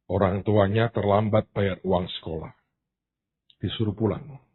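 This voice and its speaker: A man's voice: lowish voice, husky. A man preaching a sermon, telling stories earnestly, with emphasis that rises as he speaks. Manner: earnest storytelling, rising emphasis. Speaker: pastor. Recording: tinny phone-like band.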